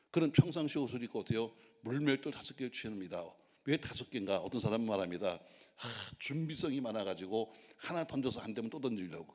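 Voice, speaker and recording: A man preaches a sermon in a fairly low voice, telling the story as he goes and giving each quoted line its own voice. He swells into loud exclamations to the congregation. His words ring out with the long reverb of a large worship hall. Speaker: pastor. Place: prayer retreat worship hall.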